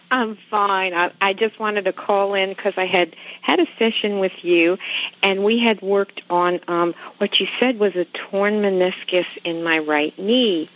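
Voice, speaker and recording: A woman's voice: mid-range voice, unhurried, a bit bright. A woman calling in to a radio show over the phone, talking in a hesitant, casual way as she searches for words. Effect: heard over a phone line on a radio show. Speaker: call-in radio show caller. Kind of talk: casual chat. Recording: lo-fi phone line.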